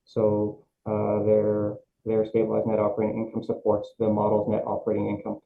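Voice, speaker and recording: A man testifying as an assessor at a review board over a video call, halting, with many fillers and restarts. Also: fairly low pitch, monotone, creaky. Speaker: city assessor presenting at a hearing. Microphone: remote video call, microphone held close. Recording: tinny video-call audio with faint hiss.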